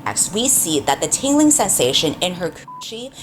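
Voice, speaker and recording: A woman's voice: lowish voice, big pitch swings, normal speed. A woman delivering scripted video essay narration. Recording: loud background noise with clicks.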